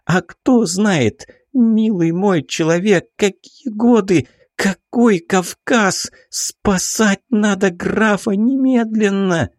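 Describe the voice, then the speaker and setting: A man reading an audiobook, voicing a headstrong, passionate young baroness with imperious, drawn-out exclamations. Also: high-pitched, no echo, clean studio sound, voice pushed up. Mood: indignant.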